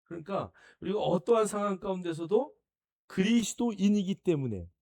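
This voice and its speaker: A male pastor giving an anecdotal sermon lecture, telling stories in a lively way and acting out the people in them. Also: high-pitched, moderate pace, dry recording, clean studio sound. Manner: animated storytelling, acting out quoted people, laughing.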